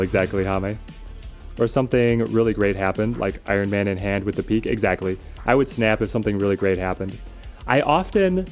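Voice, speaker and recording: A man giving casual live game commentary as a streamer, thinking aloud and explaining strategy in a conversational way. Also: on the low side. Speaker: game streamer answering viewers' questions. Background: music.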